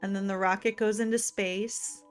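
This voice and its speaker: A woman streamer giving excitable, gushing let's-play commentary, full of "like" fillers. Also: mid-range voice, normal speed, clean tone, faint music behind. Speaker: gaming streamer.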